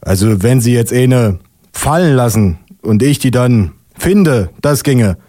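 A man's voice: medium pitch, expressive, slow pace, dark tone, no echo, clean studio sound. A man voicing a folksy, chummy policeman in a spoken-word comedy piece.

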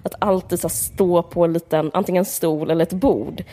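A woman's lowish, warm voice stays steady as she chats about a book on a podcast she co-hosts. Her talk is casual and rambling, full of fillers, and she's candid and mocking.

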